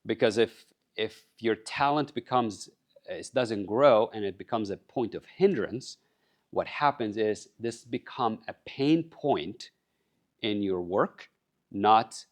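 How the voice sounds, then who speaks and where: On a conference stage, an earnest Egyptian man whose first language is Arabic gives a motivational talk to a live audience. His fairly low voice proceeds slowly, and he addresses the crowd with questions.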